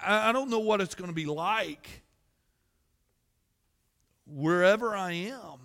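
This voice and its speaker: A man preaching a sermon to his church, reading scripture loudly and then dropping to quiet, personal musing. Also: sits high, slow, long reverb tail. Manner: animated, swings between loud scripture reading and quiet musing. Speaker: pastor. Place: church sanctuary.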